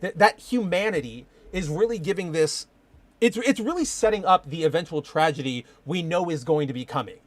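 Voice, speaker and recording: A man's voice: fairly high pitch, animated, fairly quick, no room sound. A young man hosting a casual live-streamed podcast, rambling and enthusiastic, full of fillers. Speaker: podcast host.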